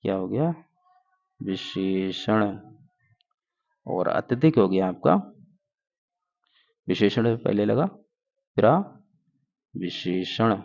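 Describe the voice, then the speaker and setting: A man's voice: fairly low pitch, drawn-out words, creaky, pauses often, a little mellow. A man teaching an exam-prep grammar lesson, explaining step by step and answering his own questions. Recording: dull lo-fi recording.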